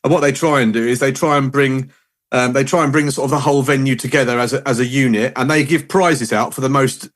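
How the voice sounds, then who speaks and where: A man chatting on a podcast, his voice sitting in an ordinary middle register. He wanders through long, chatty anecdotes in a relaxed, conversational way. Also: medium pitch, fast. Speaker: podcast host. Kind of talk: casual chat.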